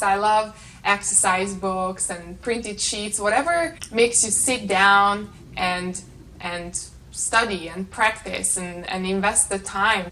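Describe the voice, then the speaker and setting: Speaking to camera from a small carpeted bedroom at home, this late-twenties Hungarian vlogger and channel host casually answers tag questions in a Hungarian accent. Her medium-pitched voice is bright and forceful, though the audio is poor.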